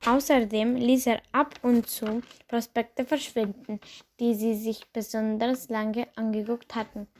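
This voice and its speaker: A woman narrating a children's storybook in a calm, even reading voice. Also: a little high, unhurried.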